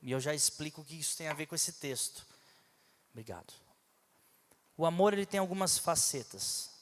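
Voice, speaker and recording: A man's voice: a little high, expressive, normal speed, big-room sound. A man preaching a sermon in a conversational, teaching way, with asides and rhetorical questions, from a church pulpit. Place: church hall.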